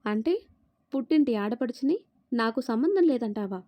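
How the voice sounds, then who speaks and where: A woman's voice: on the high side, lively intonation, moderate pace, dark tone, lightly acted. A woman doing a proud, reproachful married daughter. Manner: reproachful, commanding. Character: proud married daughter, quick to defend her mother.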